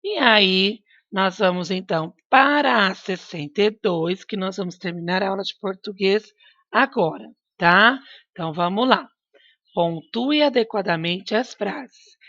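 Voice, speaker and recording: A woman teacher talks slowly and patiently to young pupils, coaxing answers out of them with questions and gentle reminders. The sound is dry and a little dull, like a lo-fi home recording. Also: mid-range voice, dry recording. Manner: patient, coaxing, asks children questions and repeats prompts. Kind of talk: recorded remote class lesson.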